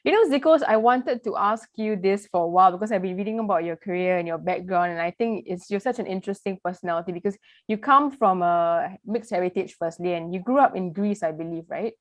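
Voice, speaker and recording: A woman's voice: lowish voice, fast talker, no room sound. A woman hosting an interview, asking long, chatty questions filled with "you know.". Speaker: interview host.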